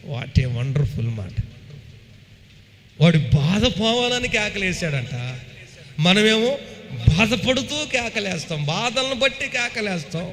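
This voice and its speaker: A man's voice: on the high side, long reverb tail, slight background noise. A man preaching a sermon as pastor, emphatic, calling out to the congregation for responses.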